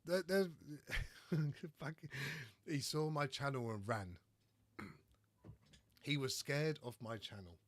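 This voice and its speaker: Profane ranting podcast host, dry sound. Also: male voice, medium pitch, animated, slow pace, pauses often, no room sound. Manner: profane, ranting, frequent throat-clearing. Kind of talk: casual podcast chat.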